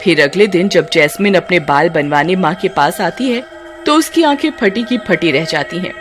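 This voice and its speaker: A woman's voice: lowish voice, animated, moderate pace, soft background music. A woman narrating a scripted horror story with dramatic delivery, voicing the characters herself. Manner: dramatic, voices several characters.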